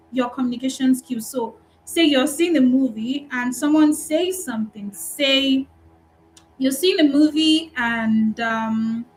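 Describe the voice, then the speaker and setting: A woman with a Nigerian accent works as a customer support recruiter and gives an animated, encouraging talk during a live online training session. Her voice is high, and the recording is rough.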